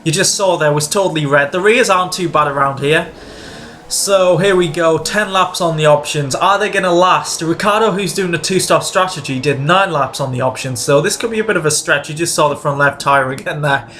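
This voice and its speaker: A man commentating on his own racing game playthrough, excitable and jumping up in pitch when the action gets tense. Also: a little fast, slight background noise. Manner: excitable, rises sharply in pitch during tense moments. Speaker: gaming video creator. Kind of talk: let's-play racing commentary.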